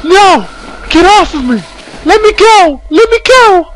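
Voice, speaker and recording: A man voicing a terrified young woman in a video game who screams and sobs in a high falsetto. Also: expressive, slow pace, fairly bright tone, slight background noise, full character voice, poor audio. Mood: hysterical screaming. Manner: shrieking, sobbing falsetto.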